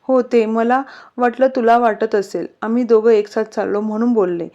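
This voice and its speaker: Woman reads a timid young wife, quiet and hesitant, high voice. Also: fairly even intonation, moderate pace, lightly acted. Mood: puzzled. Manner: soft, hesitant. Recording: slightly muffled recording.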